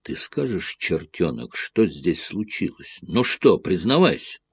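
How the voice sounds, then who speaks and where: A man voicing a gruff older innkeeper who demands answers and scolds his son. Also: sits low, sing-song, a little slow, no echo, heavily acted. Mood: scolding.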